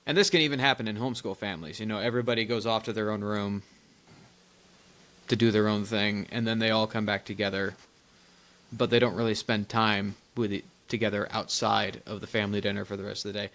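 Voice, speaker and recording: A young man co-hosting a podcast, telling family stories in casual chat, animated and laughing often, with rambling restarts. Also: on the low side, a little fast. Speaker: podcast co-host.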